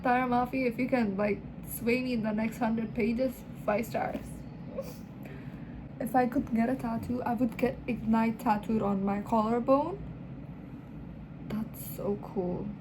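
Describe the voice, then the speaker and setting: A woman's voice: a little high, noisy background. A young woman chatting casually in a reading vlog, gushing and rambling about a book. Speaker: book vlogger.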